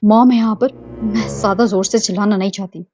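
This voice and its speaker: A woman's voice: fairly even intonation, a little fast, lo-fi sound, soft background music, close to an everyday voice. A woman voicing a proud, easily embarrassed young wife who scolds indignantly, in an amateur audio drama. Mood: scolding. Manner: indignant scolding, shrill shouts.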